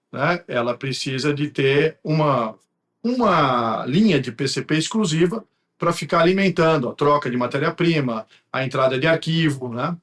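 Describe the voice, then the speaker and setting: A guest from a printing company, a man with a Brazilian accent, explains things conversationally in an interview. His voice is fairly high and a bit bright.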